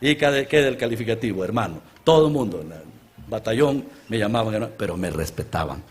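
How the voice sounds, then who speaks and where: Man, Honduran Spanish accent, guest preacher, earnest sermon storytelling, swings from loud exclamations to quiet asides. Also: fairly low pitch, expressive, fast talker. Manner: earnest storytelling sermon, often addressing listeners as brothers. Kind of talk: preaching at a church conference. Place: church conference gathering before a large congregation.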